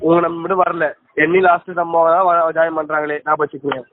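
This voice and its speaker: A man's voice: a little high, little pitch movement, fast talker, a little hiss or hum. A man on a phone call, dismissive and curt, brushing off her pleas with "remember that" and "madam". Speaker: scheme recruiter on a phone call. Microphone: phone call recording. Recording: dry, tinny phone line.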